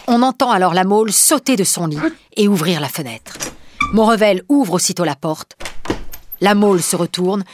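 A woman narrating a storybook with an expressive reading. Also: lowish voice, slight background noise. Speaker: audiobook narrator.

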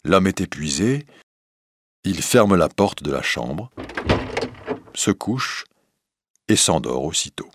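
A man reading a fairy tale aloud as narrator, slow, deliberate and expressive. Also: sits low. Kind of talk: scripted storybook narration.

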